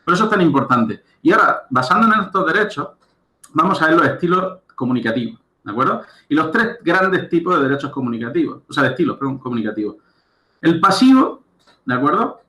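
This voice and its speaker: A man's voice: fairly high pitch, very animated, quick pace, bright, forceful tone. Spanish-man lecturing in an echoey room. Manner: explanatory, checks understanding with frequent "¿de acuerdo?" and "¿vale?". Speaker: lecturer and professional coach. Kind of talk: recorded online lecture.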